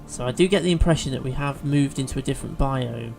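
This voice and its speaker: Over music, this male gameplay commentator talks fast in a gravelly, medium-pitched voice. He narrates his play while thinking out loud, full of fillers and restarts.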